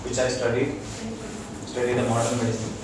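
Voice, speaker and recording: Captured by a far-off mic amid loud noise and heavy echo, this doctor with an Indian accent lectures a small audience on wellness. He speaks in a mid-range monotone, explaining in an informal, halting way and checking that people are following.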